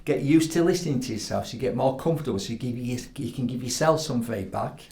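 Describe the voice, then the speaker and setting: A man's voice: mid-range voice, quick pace. A man with a Yorkshire accent, a professional speaker giving advice as a guest in a casual podcast chat, acting out little quotes and checking in with "right?". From Yorkshire, England. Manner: animated storytelling with acted quotes, frequent "right?". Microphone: studio podcast microphone.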